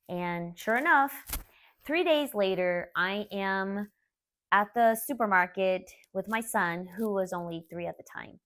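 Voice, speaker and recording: A woman in her forties who grew up in Laos tells a personal story in a soft-spoken, candid way. Her voice sits a little low for a woman, and her delivery is earnest and unpolished. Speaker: martial arts school owner.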